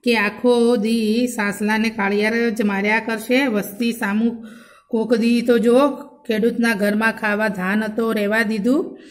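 A woman's voice: fairly high pitch, flat delivery, measured pace, lightly acted. A woman voicing an outspoken male village farmer who scolds in plain rustic speech. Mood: grumbling.

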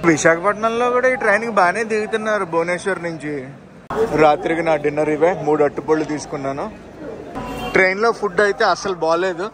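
Talking fast in a high voice, a man narrates a casual train travel vlog on a handheld phone, speaking straight to his viewers and pointing out sights as he goes. He's outdoors on a train and on station platforms, with a crowd, trains and station noise in the background.

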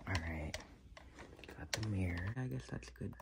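Setting up his home gym, a twenty-something vlogger rambles casually to the camera, cursing freely and leaning on lots of fillers. His voice is low but expressive, moving at a moderate pace. The indoor space is a small gym and room with colored lights, and the audio carries clicks and clear room noise.

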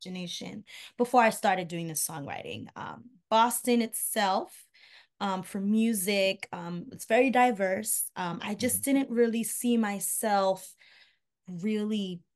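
A young Haitian recording artist talks as a guest on a video call, her mid-range voice animated but measured in pace. It's a casual interview chat from a room at home, picked up by a webcam, and she fills it with fillers and trailing asides.

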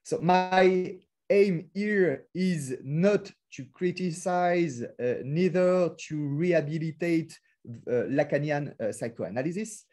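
Man, French accent, fairly high, mellow voice; hesitant academic webinar lecturer, filler-heavy, careful non-native phrasing. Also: slow pace. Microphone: video call.

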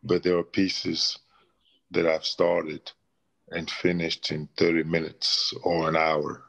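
A middle-aged Congolese painter who once played basketball responds thoughtfully to an interviewer from a small, plain room, with frequent restarts. He speaks slowly in a low, gravelly, slightly bright voice with little pitch movement.

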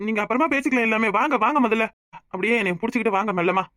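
A man voicing a young husband in a cartoon who has lost his memory, speaking gently and with confusion. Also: high-pitched, very fast, no room sound. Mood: confused gentle. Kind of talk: cartoon voice acting.

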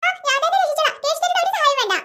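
Super high squealy cartoon little girl, kind and pleading, chatters fast. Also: bright, forceful tone.

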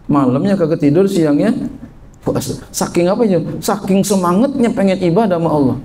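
A man teaching a kitab lesson, reading Arabic text and explaining it in lively colloquial speech. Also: high-pitched, normal speed, a little hiss or hum. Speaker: Islamic teacher.

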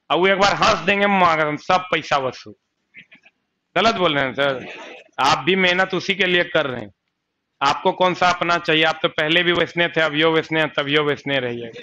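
A male coaching-class teacher talks with a Bihari accent, keeps asking his students questions and then answering them himself. His voice is bright and a bit high. The recording is dull and lo-fi. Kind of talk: classroom lecture.

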